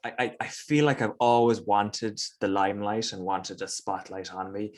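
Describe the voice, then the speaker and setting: A man's voice: fairly low pitch, steady tone, moderate pace. A man from the west of Ireland with an Irish accent, chatting casually and playfully as an interview guest, with self-deprecating humour. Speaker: guest comedian.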